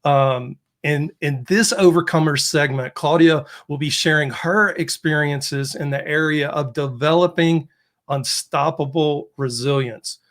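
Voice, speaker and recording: A man's voice: fairly high pitch, steady tone, measured pace, a bit bright. A man hosting a podcast, reading out a guest introduction and then interviewing her with short encouraging replies. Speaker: podcast host.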